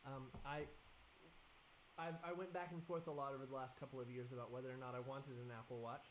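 A man's voice: medium pitch, little pitch movement, quick pace, rough recording. A man co-hosting a podcast in casual chat, trading joking asides and reflecting at length. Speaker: podcast co-host. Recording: faint hiss.

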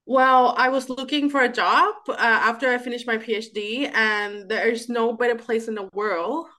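A woman in her thirties, originally from Thailand, answering interview questions as a political scientist in a lively way with restarts. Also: a little high, normal speed. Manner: animated, with restarts and fillers.

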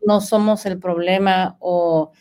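A woman's voice: fairly low pitch, steady tone, takes it slowly, a little mellow. A woman hosting a casual interview, speaking in a thoughtful, encouraging way. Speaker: host.

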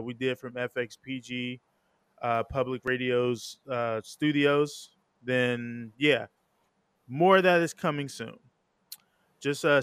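A man's voice: mid-range voice, fairly bright tone, clear, resonant tone, no echo. A man hosting an interview podcast, talking informally and conversationally, rambling a little and correcting himself as he goes. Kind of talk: casual, conversational show introduction.

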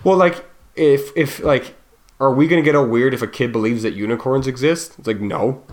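A man's voice: medium pitch, moderate pace. A man in his thirties co-hosting a podcast, talking loosely and musing, often trailing off and restarting. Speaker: podcast co-host. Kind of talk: casual chat.

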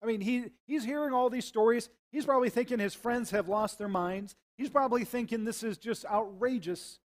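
A man's voice: very high-pitched, a little fast. A man serving as pastor, praying and preaching a sermon in an earnest, conversational way. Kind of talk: sermon with prayer and scripture reading.

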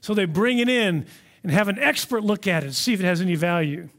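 Man, high voice, conversational sermon, animated storyteller. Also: fast talker. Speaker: pastor.

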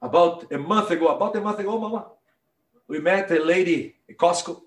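High-voiced Brazilian-accented male preacher. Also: brisk, roomy sound. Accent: Brazilian Portuguese. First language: Portuguese. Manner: emphatic, building to impassioned shouts, direct address to listeners. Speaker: pastor. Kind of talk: sermon.

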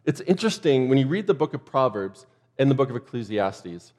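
Guy preaching a sermon, chatty and jokey, middle pitch, loose delivery. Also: very animated, fairly quick, darkish tone. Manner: conversational, joking asides. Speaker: pastor. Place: church.

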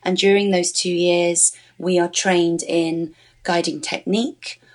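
A woman with an English accent, a professional tour guide being interviewed on a podcast, explaining things clearly and at length. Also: on the low side, a little mellow. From England. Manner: clear, explanatory, lists places. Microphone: remote call.

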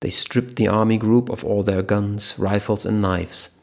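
A man narrating a thriller audiobook in a steady storytelling manner. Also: lowish voice, a little slow, gravelly.

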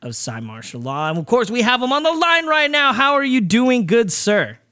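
A man hosting a podcast, chatty and halting as he interviews a guest. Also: extremely high pitch, big pitch swings, sharp tone, clear, resonant tone. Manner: chatty, halting, with many restarts. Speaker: podcast host.

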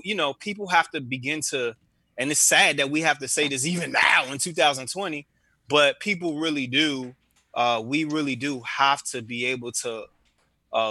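A man hosting a round table podcast talks earnestly, restarting his phrases as he works through a thought. His voice is strikingly bright and forceful. The sound is dry, with no room around it. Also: mid-range voice, no echo. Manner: earnest, halting with many restarts. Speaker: podcast host.

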